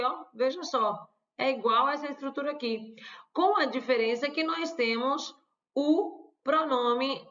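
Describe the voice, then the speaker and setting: Slow, higher-voiced Brazilian woman teaching. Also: fairly bright tone. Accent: Brazilian Portuguese. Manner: slow, deliberate, repeats key phrases, playful asides. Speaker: language teacher. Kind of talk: slide-based grammar lesson. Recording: dull lo-fi recording.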